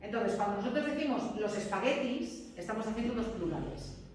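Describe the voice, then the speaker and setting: A woman's voice: medium pitch, expressive, a little fast, a little mellow, slight background noise. Woman teaching in an echoey classroom. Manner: chatty, peppered with checks for understanding. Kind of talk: classroom lecture. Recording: distant mic in an echoey classroom.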